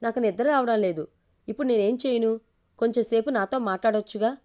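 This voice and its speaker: A woman's voice: fairly high pitch, fairly quick, darkish tone, close to an everyday voice. A woman voicing a playful, teasing young wife in an audio story. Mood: pleading.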